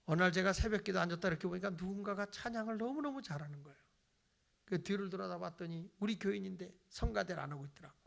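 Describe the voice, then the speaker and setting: A middle-aged man preaches with a high, gravelly voice, bright and forceful in tone. He plays out his congregants' excuses in little voices and drops from loud emphasis to near-whispers. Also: fast talker. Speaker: pastor. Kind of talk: sermon.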